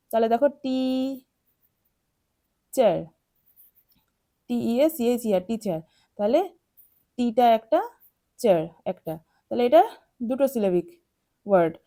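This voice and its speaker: A woman teacher explaining English words to young pupils, spelling them out and repeating them slowly. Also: on the high side, warm tone.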